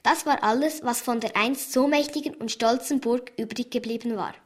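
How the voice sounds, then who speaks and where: A woman's voice: a little high, normal speed. A woman reading aloud from a children's adventure book, expressively. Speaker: reader. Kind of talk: storybook reading.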